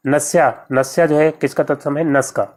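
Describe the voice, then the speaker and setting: A man's voice: fairly high pitch, steady tone, moderate pace. A man teaching an exam-prep grammar lesson, walking through each question step by step and repeating every answer and spelling.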